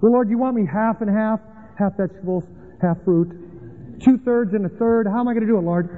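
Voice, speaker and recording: A fretful, puzzled Adam who pesters over every small choice, put on by a preacher in a sermon skit. The voice sits high and rises higher with each anxious question. It comes through thin and phone-like, with a long hall echo trailing behind. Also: male voice, a little fast, natural voice.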